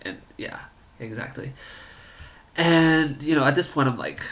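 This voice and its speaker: A man's voice: fairly high pitch, unhurried, a bit bright. A man in his twenties casually telling a story about his own life, rambling and full of "like" and "you know". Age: 20s. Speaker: college student storyteller.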